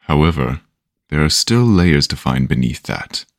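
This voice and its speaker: A man voicing an older castaway storyteller who teases and lectures in an unhurried, knowing way. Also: very deep voice, expressive, dry recording, studio quality, exaggerated voice. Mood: wry. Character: older wry storyteller, patient and teasing.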